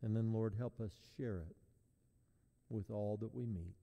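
A man serving as pastor, leading a sermon and communion in a measured, prayerful cadence, his voice ringing with a long echo in a large church. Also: on the low side, vocal fry, muffled recording. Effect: long echoing church reverb. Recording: long reverb in a large hall.

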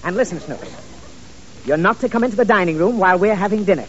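A man with a high, animated voice races through his lines as a fussy, stammering father in a 1930s radio comedy. The character is anxious to please, quick to get irritated and busy issuing instructions. It's a dull, noisy 1930s radio recording.

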